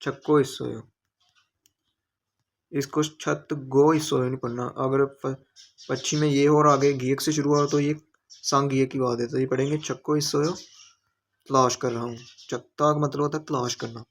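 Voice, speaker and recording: A man's voice: mid-range voice, little pitch movement, brisk. A man teaching a lesson step by step with a Pakistani Urdu accent, patiently repeating each word and its meaning. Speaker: language teacher.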